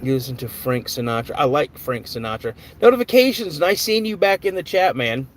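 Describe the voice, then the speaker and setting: A man's voice: a little high, sing-song, brisk, a little hiss or hum. A man hosting a live stream in a casual, chatty way, greeting viewers by name and answering their comments.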